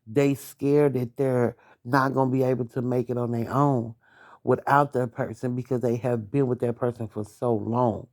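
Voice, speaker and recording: Deep-voiced woman venting late at night. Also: steady tone, normal speed, a little mellow. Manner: blunt, swears, talks straight to her ex. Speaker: podcast host.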